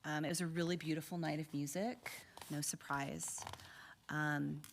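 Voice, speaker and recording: A woman school board trustee giving comments at a board meeting, thanking people and pausing often on ums. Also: deep voice, fairly even intonation, a little hiss or hum. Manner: warm thank-yous with many ums.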